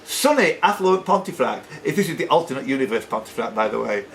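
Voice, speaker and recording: Over a noisy crowd, a man with a mid-range voice and some vocal fry talks at a quick pace and is very animated. He hosts and reads questions for a live pub-style quiz in a sports and social club room, with jokey, chatty asides, in a noisy live room recording.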